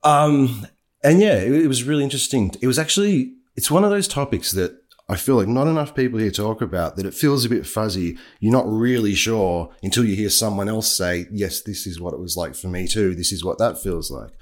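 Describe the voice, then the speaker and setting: A man's voice: on the low side, lively intonation, brisk. A young man, a writer and podcast co-host, talking in an earnest, reflective way with frequent restarts. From Australia. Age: young adult. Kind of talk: casual chat.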